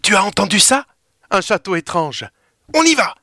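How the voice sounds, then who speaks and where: A man's voice: mid-range voice, measured pace, pushed and bright, clear, resonant tone, dry recording, studio quality. A man voicing a bold, curious little girl who exclaims eagerly in a children's story reading. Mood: excited.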